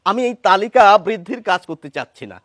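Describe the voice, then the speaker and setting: A man giving a whiteboard lesson on pronunciation, explaining patiently and repeating sounds slowly. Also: sits high, animated, a bit bright, no room sound, studio quality. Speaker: teacher.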